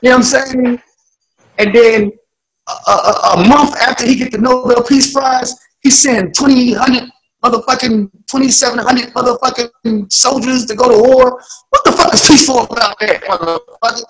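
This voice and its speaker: A young man in casual chat on a video call, talking excitedly with profanity and stammering restarts. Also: extremely high pitch, normal speed, rough recording. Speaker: panelist.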